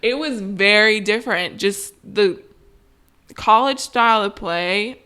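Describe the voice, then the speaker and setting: A woman in her twenties talks in a calm, unhurried way as a podcast guest. Her voice is bright and clear. She leans on "like" as she thinks aloud. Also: medium pitch. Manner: relaxed, calm, with frequent "like" fillers. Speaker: guest, professional volleyball player. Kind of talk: casual podcast conversation.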